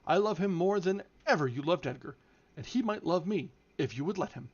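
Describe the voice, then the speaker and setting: A man's voice: sits high, animated, fairly quick, dull audio. A man voicing a lovesick, indignant young woman from a novel in impassioned, plaintive outbursts. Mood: defiant.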